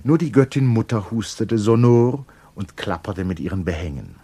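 A man with a very low, deep voice reads a literary audiobook. His delivery is measured and deliberate, letting long sentences unfold without hurry. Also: lively intonation, warm tone, slightly rough, no echo. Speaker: audiobook narrator.

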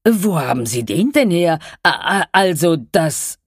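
A woman's voice: lowish voice, expressive, slow, a little mellow, breathy edge, no echo, studio quality, voice pushed up, heavily acted. A woman doing a timid, whiny man. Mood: squeamish. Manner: stammering, plaintive.

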